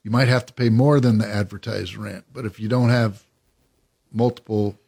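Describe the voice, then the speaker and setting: A man on a casual podcast, summing up points in a measured way. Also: on the low side, fairly even intonation, gravelly, darkish tone, slightly rough.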